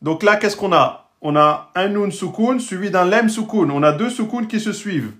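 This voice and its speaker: A man's voice: high-pitched, expressive, fairly bright tone. A man teaching the Arabic alphabet and Quran reading rules, patiently sounding out words and checking in with his learners. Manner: patient, checks in often with "d'accord?" and "hein?"; sounds out Arabic words slowly and repeats them. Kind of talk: explanatory lesson to French-speaking learners.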